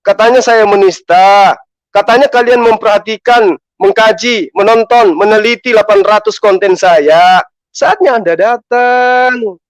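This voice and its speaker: A man's voice: sits high, no room sound. A man from Toraja, a preacher, giving mocking, emphatic commentary on a live stream. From Toraja, Indonesia. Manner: mocking, emphatic, repeats the name in taunts.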